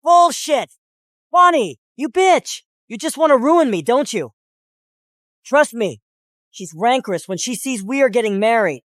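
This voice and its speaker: A woman dubbing an exposed male villain who rages and curses, with spiteful yelling and taunting laughter. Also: a little high, expressive, normal speed, long pauses, no echo, clean studio sound, natural voice. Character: scheming, furious male villain who has been exposed. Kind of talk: dubbed drama acting.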